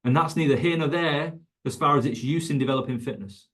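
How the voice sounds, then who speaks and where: A man's voice: fairly high pitch, a little fast, a bit bright. A man teaching coaches in an online webinar, emphatic and conversational, repeating his key points. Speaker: fitness coach educator.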